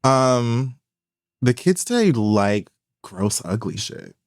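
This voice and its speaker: A man's voice: mid-range voice, big pitch swings, slow, no room sound, clean studio sound. A man co-hosting a podcast in casual, joking chat, sarcastic and swearing freely. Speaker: podcast co-host.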